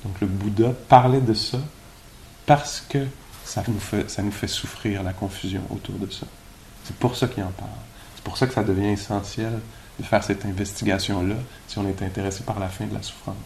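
Québécois guy giving a laid-back meditation talk, lowish voice, faint room hum behind. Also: fairly even intonation, normal speed, gravelly, darkish tone. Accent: Québécois French. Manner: informal, conversational, musing aloud with rhetorical questions. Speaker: meditation teacher. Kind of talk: informal dharma talk at a retreat. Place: meditation retreat hall.

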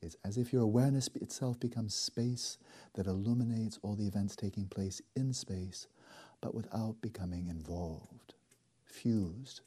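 A man leading a guided meditation as a teacher, speaking slowly and softly with deliberate pauses and a husky edge. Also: on the low side. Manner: slow, soft and deliberate, with long pauses.

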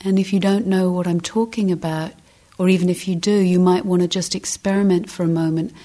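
Guiding a meditation, a woman speaks in a lowish voice with fairly even intonation. Her words are gentle and deliberate, arranged in short phrases with long pauses.

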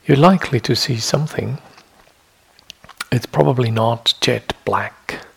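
The speaker is a man guiding meditation inside a meditation hall, speaking with a medium pitch. His gravelly, husky voice comes in brief, deliberate phrases with long pauses in between.

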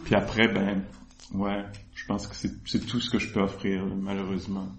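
A man's voice: low voice, level tone, moderate pace, a little hiss or hum. A man, a meditation teacher answering questions in a talk, reflective and hesitant, with frequent restarts. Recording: echoey room.

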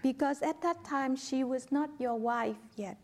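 A woman's voice: high voice, unhurried, a little mellow. A woman interpreting a dharma talk, hesitant and searching for words.

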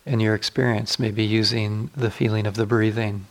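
This teacher's voice is fairly low and flat as he guides a meditation. He gives his instructions gently and without hurry, leaving long pauses.

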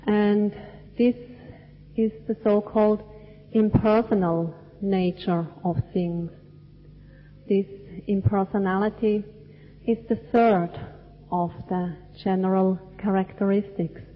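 A woman from Switzerland gives a dharma talk at a very unhurried pace, weighing each short phrase. Her voice trails off into the long reverb of a large cinema hall. The recording sounds dull and lo-fi. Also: mid-range voice, steady tone, a little hiss or hum. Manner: slow, measured, deliberate phrasing. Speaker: Buddhist teacher.

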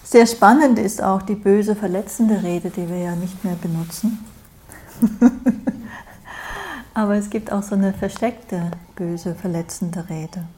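A woman's voice: mid-range voice, dark tone, a little hiss or hum. A woman meditation teacher giving a dharma talk, speaking reflectively and often checking in with "ja?". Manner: slow, reflective, with frequent "ja?".

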